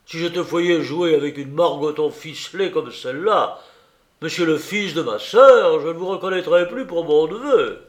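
A man's voice: a little high, normal speed, echoey room, voice pushed up, lightly acted. A man voicing a blustering, swearing old retired army captain who scolds his young nephew, in an audiobook reading. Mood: indignant.

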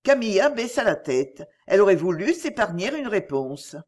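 Expressive woman reading a classic novel. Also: medium pitch, normal speed. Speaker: narrator.

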